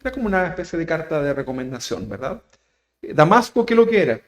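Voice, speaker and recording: Animated man preaching. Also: fairly high pitch, fast talker. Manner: conversational preaching, tags many phrases with a questioning "¿verdad?"; dramatic rises when reading scripture quotes. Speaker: pastor. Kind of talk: sermon teaching.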